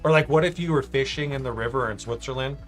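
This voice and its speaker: A man with an ordinary-pitched voice hosts a relaxed livestream while building a model, thinking aloud at a quick pace. He reads out chat, cracks jokes and drifts between topics, with soft music playing quietly behind him.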